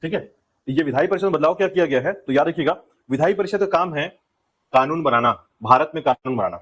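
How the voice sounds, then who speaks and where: A man's voice: fairly high pitch, animated, quick pace, fairly bright tone, rough recording. A man teaching an exam-prep lecture, drilling key points and repeatedly telling students to remember them. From India.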